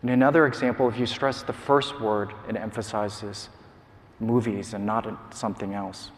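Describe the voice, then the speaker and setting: A man giving a measured, explanatory academic lecture in a large conference hall, with occasional filler sounds. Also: fairly low pitch, fairly even intonation. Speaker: scientist giving a prize lecture.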